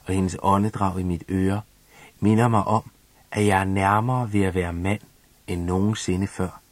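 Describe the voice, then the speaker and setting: A man's voice: deep voice, dry recording. A man narrating a first-person novel in an intimate, confessional storytelling manner. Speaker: audiobook narrator.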